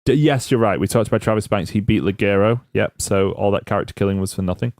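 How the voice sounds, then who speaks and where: A man's voice: lowish voice, fast talker, a little mellow, no echo, clean studio sound. A man hosting a casual wrestling podcast, joking around and quizzing his co-hosts. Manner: banters and quizzes co-hosts, jokey. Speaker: podcast host.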